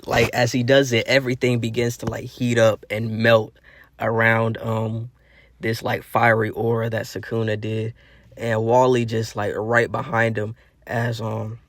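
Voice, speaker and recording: A young man improvises a fan-made story in a casual way, rambling and restarting as he goes, with heavy use of fillers. His voice is at an ordinary male pitch, and the sound is dry and close with no room echo.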